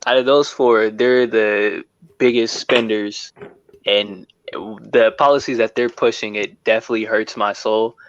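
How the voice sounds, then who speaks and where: A man joining a casual political stream as a guest, talking in an unhurried, halting way. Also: on the low side, steady tone, a little hiss or hum. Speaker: call-in guest. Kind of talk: casual discussion. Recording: dull, dry voice-call audio.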